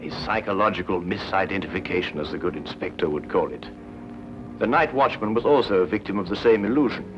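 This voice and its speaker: An actor playing a brisk, witty Victorian detective who lays out deductions in a cool, teasing, precise way. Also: male voice, deep voice, close to an everyday voice. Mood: calm. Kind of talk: 1950s TV drama acting. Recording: dull 1950s TV soundtrack with music.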